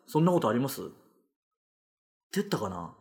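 Man, radio host, wildly lively pitch, joking rants, casual chat. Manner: quick, animated retorts and laughing rants.

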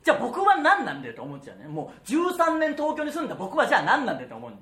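A man from Okayama hosting a comedy radio talk show, ranting in an animated way with frequent laughs. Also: very high voice, rapid-fire, echoey room. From Okayama, Japan.

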